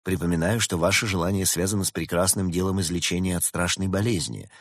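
A man voicing Ulysses, a polite, measured chairman figure in a read-aloud fairy tale. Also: low-pitched, dry recording, studio quality. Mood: courteous. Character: calm, courteous male chairman Ulysses.

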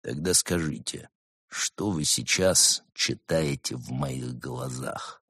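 Man doing a low, menacing stern monk. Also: slow pace, a bit bright, husky, dry recording, clean studio sound, exaggerated voice. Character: stern grim male monk, quietly menacing.

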